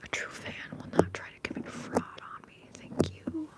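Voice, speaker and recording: A woman hosts an ASMR stream, whispering breathily right up against the mic at a normal pace. She chats gently with her viewers and keeps repeating soothing trigger words.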